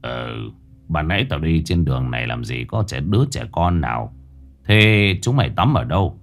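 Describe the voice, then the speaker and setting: A man voicing an old village man who speaks with gruff urgency. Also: a bass voice, big pitch swings, normal speed, a little mellow, voice pushed down, heavily acted. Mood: urgent.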